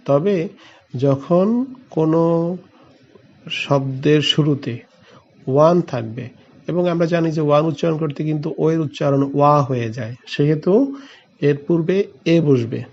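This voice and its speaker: A man's voice: fairly high pitch, a little mellow, muffled recording. A male teacher from Bangladesh explaining a grammar lesson step by step, spelling out letters and answering his own questions.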